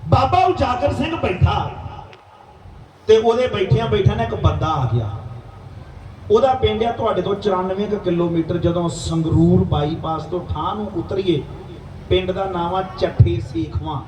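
High-pitched man preaching. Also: normal speed, recorded from a distance, a little hiss or hum. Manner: animated, preachy, plays quoted characters. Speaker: dhadi preacher. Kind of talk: religious storytelling sermon. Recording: echoey live stage, heard from afar, faint ambience.

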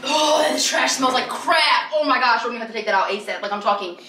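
A woman's voice: sits high, fairly quick, pushed and bright. A young woman chatting animatedly through a home vlog in her apartment, often laughing, filmed by a camera at a distance. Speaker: lifestyle vlogger. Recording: roomy echo, away from the mic.

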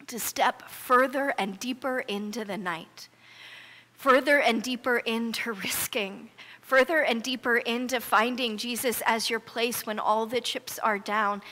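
Her voice is on the high side, pushed and bright: a middle-aged American woman pastor giving a sermon to a congregation in the sanctuary. She preaches in an earnest, emphatic, conversational storytelling manner, captured in a reverberant church hall.

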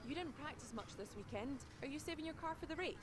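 A brisk Scottish interviewer in a racing game who fires quick, upbeat questions at a driver after the session. Her voice sits high and moves fast. Engine noise from the game runs underneath. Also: animated. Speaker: post-race interviewer.

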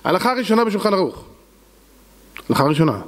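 A man's voice: high voice, sing-song, long reverb tail. A man preaching a sermon as a rabbi, fervent and dramatic, acting out the voices he quotes.

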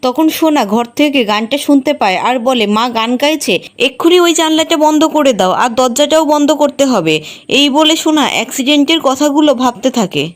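A woman with a high voice tells a serial episode as a story. She reads every character's lines herself, keeping a plain storytelling tone throughout. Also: expressive, moderate pace. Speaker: serial recap narrator. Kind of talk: scripted storytelling recap.

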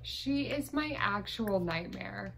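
A woman's voice: medium pitch, lively intonation, slow, creaky, fairly bright tone, a little hiss or hum, low-quality recording. A woman giving chatty, exasperated commentary while playing a life-simulation game. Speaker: gaming YouTuber. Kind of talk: gameplay commentary.

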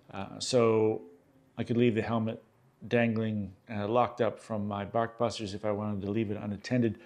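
A man in his fifties from Australia, hosting a casual gear vlog and chatting in a relaxed way with lots of "uh"s, recorded at a table in a small room. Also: mid-range voice. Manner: relaxed, chatty, many "uh" fillers. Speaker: host. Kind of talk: casual show-and-tell vlog.

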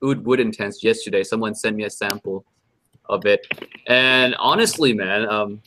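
A man's voice: lowish voice, moderate pace, bright, forceful tone, slight background noise. A man co-hosting a livestream in casual chat, laid-back and slangy, often laughing. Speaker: livestream co-host.

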